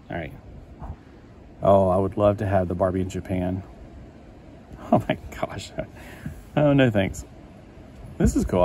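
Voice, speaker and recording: Against a noisy background, a man with a low voice pages through a collector magazine at an indoor table. He rambles casually to himself, easily delighted by the pages.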